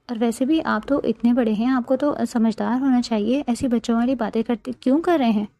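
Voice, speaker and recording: Woman reading as a childish stubborn bride, pouty and defensive, high and mellow, dry close sound. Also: no echo, close to an everyday voice.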